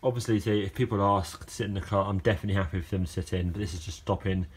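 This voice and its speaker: A man's low-pitched voice races along in a steady tone, with a little hiss or hum in the audio. He's a car owner vlogger holding a phone camera in an outdoor garage yard, casually rambling through a how-to project with fillers and restarts.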